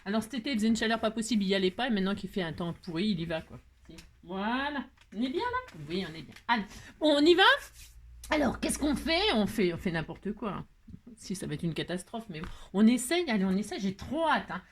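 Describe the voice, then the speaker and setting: A woman from France hosting a casual craft tutorial, talking in a playful, self-mocking way and tagging her sentences with a quick "hein". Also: mid-range voice, lively intonation. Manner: cooing baby talk to her pet. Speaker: crafting video host.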